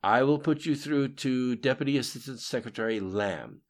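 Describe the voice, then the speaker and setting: A courteous female switchboard operator who never changes her tone, as a male narrator puts her on. She answers in formal, measured phrases. The voice sits well above the reader's own low register. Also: natural voice. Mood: polite, formal. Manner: polite, flat, unchanging tone.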